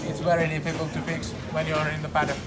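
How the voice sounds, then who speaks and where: A man giving a halting, informal post-race report in simple as a driver. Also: on the high side, monotone, loud music behind the voice. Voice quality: non-native English with simple phrasing. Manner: halting, repeats words. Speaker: racing driver. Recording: very noisy outdoor racetrack with vehicles.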